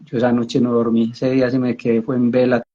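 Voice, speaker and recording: A man telling his personal conversion testimony in a halting way, often restarting and repeating his words. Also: medium pitch, monotone, warm tone. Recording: dull lo-fi audio.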